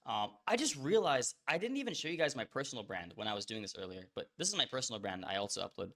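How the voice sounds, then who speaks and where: A man's voice: mid-range voice, very animated, a bit bright. A young man giving blunt, slangy advice straight to camera as a social media coach. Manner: blunt, fast-talking, hustle-driven with casual slang. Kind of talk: direct-to-camera advice monologue.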